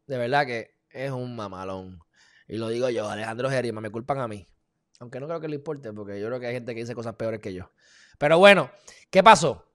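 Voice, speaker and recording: Heated Puerto Rican man ranting live. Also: mid-range voice. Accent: Puerto Rican Spanish. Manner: emphatic and heated, with sudden loud outbursts; informal, addresses viewers as "mi gente". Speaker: live-stream political commentator. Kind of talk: casual live video commentary.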